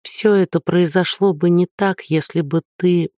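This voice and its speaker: A man's voice: on the high side, normal speed, darkish tone, dry recording, clean studio sound, close to an everyday voice. A man voicing a shy but stubborn young woman in a storybook reading, speaking timidly and earnestly. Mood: hesitant.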